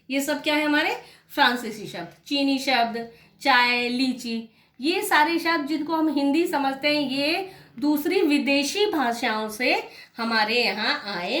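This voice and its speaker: A woman teacher giving a grammar lesson, putting questions to the class, answering them herself and asking whether it is clear. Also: high-pitched, fairly bright tone, reverberant. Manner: checks understanding with a repeated "clear?".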